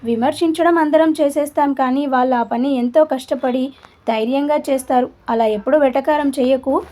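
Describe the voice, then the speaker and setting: A woman's voice: high voice, brisk, mellow, lightly acted. A woman voicing an earnest young woman giving a firm scolding. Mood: stern.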